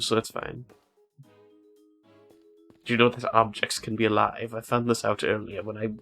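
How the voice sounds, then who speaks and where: A man's voice: lowish voice, gravelly, fairly bright tone. A man doing casual, rambling, goofy commentary as he plays a video game. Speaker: gaming video host.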